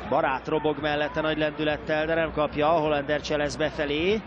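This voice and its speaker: A man's voice: a little high, level tone, lo-fi sound. A man giving live football match commentary as a commentator. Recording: broadcast with clear stadium crowd noise. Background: stadium crowd.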